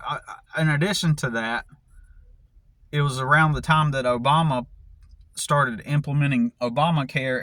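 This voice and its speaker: A man's voice: mid-range voice, a bit bright, dry recording. Profane ranting American man, dry sound. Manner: profane, angry ranting with many restarts. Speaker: vlogger. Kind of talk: casual vlog rant.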